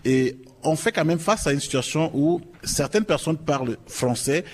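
A man's voice: a little high, animated, normal speed, slight background noise. A man moderating a panel, putting long questions with restarts.

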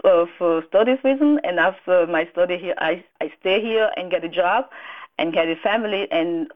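A woman's voice: fairly low pitch, normal speed. A woman from Cameroon, a radio guest answering earnestly with many restarts. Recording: tinny phone line.

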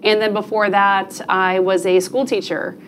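A woman's voice: medium pitch, little pitch movement, measured pace, slight background noise. A woman from New Jersey answering questions as a podcast guest in an earnest, conversational way. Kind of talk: podcast interview.

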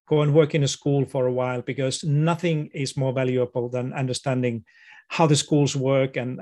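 A man's voice: medium pitch, a little mellow. Thoughtful Finnish-accented man, modest tone. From Finland. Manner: thoughtful, modest, hesitant with many fillers. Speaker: guest, education expert. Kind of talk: podcast interview.

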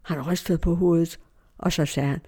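A woman's voice: lowish voice, fairly even intonation, dark tone, breathy edge. An older woman from Denmark, telling a story from her own life in a vivid way and acting out the voices of the people in it. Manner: vivid, acts out voices in quoted speech. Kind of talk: personal storytelling.

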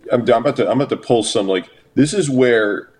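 A man co-hosting a podcast, telling stories in a casual, profane, animated way. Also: medium pitch, a little fast. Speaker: podcast co-host. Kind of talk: casual chat.

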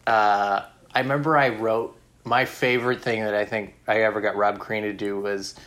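A man's voice: lowish voice, fairly even intonation, moderate pace, a bit bright. A man in casual chat, telling a comedy story with laughs and acted-out quotes. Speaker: comedian guest.

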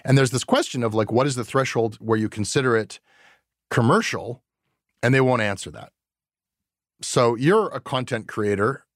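A man's voice: mid-range voice, lively intonation, normal speed, pauses often, no echo, studio quality. A man hosting a podcast, talking casually and rambling with lots of fillers. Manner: rambling, chatty, many fillers. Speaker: podcast host. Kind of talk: casual chat.

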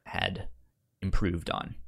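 A man's voice: slow pace, fairly bright tone. Stammering man podcast co-host. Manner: stammering, many restarts and fillers. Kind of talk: casual chat.

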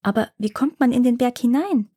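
A woman's voice: brisk, slightly rough. A woman voicing a curious little boy gnome while reading a fairy tale aloud, asking eager questions. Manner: excited, questioning, high and bright. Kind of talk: storybook reading.

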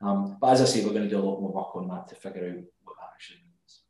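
A Scottish company executive with a Glaswegian accent speaks as a guest in a remote interview, thoughtful and often restarting his sentences. His lowish, darkish voice moves very fast, and the room he's in is very echoey.

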